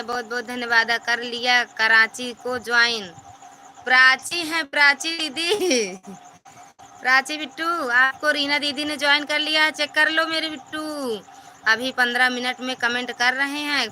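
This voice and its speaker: A woman's voice: high voice, bright, forceful tone, slight background noise. A woman, hosting a live stream and chattily reading out and thanking viewers' comments by name.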